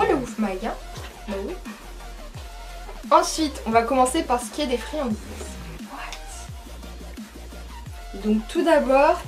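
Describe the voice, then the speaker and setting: A young woman chatting casually as she unboxes a monthly pet box, chatty and full of fillers and excited asides. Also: fairly high pitch. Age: young adult.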